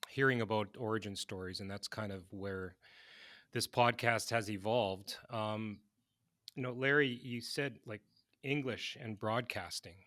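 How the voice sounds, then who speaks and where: A man hosts an interview podcast in a loose, friendly manner, drifting into fillers as he talks. His voice sits a little low and sounds dry and close on a studio mic. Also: measured pace, sharp tone, no room sound. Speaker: podcast host. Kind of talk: casual interview chat.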